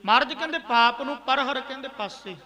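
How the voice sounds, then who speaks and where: A Punjabi-accented man giving a sermon in a very high, bright, forceful voice. He chants lines of scripture slowly and then explains them in simple talk, as a preacher to his listeners. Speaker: Sikh preacher.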